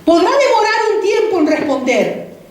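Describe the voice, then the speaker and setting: A woman pastor delivers a sermon in a high voice, piling up repeated phrases and rhetorical questions. She sounds distant from the mic, and her voice rings around a very echoey church hall. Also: very animated, moderate pace. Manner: repetitive, rhetorical questions to the congregation.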